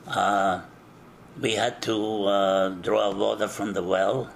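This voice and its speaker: An older man from eastern Czechoslovakia giving an oral history interview, recalling things in a slow, measured way with frequent hesitations. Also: fairly low pitch, little pitch movement, gravelly, a little hiss or hum.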